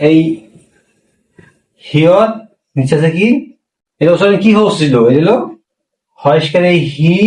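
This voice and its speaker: High-voiced man teaching in an echoey room. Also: darkish tone, far from the mic. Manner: asks and answers his own questions, repeats each point. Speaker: language teacher. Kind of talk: classroom pronunciation lesson.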